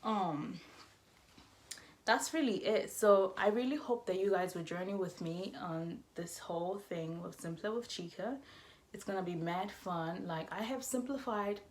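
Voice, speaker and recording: Woman, twenties, casual vlogger, chatty and rambling, middle pitch. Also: unhurried. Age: 20s. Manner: chatty, rambling, self-correcting, laughing asides. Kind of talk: casual chat to camera.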